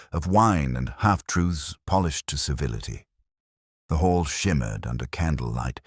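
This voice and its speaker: A man playing a brooding, world-weary, erudite police inspector who narrates a detective story in a measured, literary, reflective manner. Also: deep voice, no room sound, clean studio sound, heavily acted. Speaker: narrator in character.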